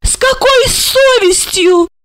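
A woman reading aloud, voicing a shocked, desperate woman who pleads in a high, breaking voice. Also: expressive, unhurried. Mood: pleading.

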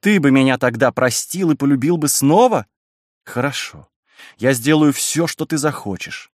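A man voicing a wild, passionate young woman, raising his voice to sound higher and speaking with a pleading, impassioned manner in a dry room. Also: animated, normal speed, no room sound, natural voice.

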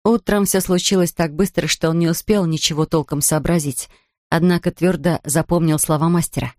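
A woman narrating a children's audiobook in a clear, even storytelling manner. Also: low-pitched, brisk, dry recording, clean studio sound. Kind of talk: audiobook reading.

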